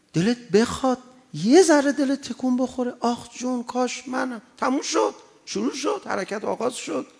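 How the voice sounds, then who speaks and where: Male preacher, gravelly, high-pitched, impassioned delivery swinging loud to soft. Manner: impassioned, swings from loud exhortation to quiet anecdote. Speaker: cleric. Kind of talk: sermon.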